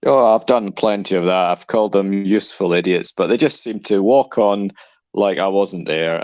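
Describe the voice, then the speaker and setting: A man's voice: sits low, no echo, muffled recording. A man with a mixed Danish and Scottish accent, chatting bluntly as a guest on a live stream over his mobile phone. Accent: Danish-Scottish mix. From Denmark. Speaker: guest caller. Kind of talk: casual chat.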